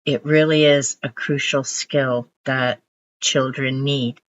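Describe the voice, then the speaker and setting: An older Hungarian-speaking woman from Canada reflects on her favourite books in a casual vlog to camera, telling her stories in an unhurried way. Her voice rumbles low with a steady tone, and the lo-fi audio is muffled.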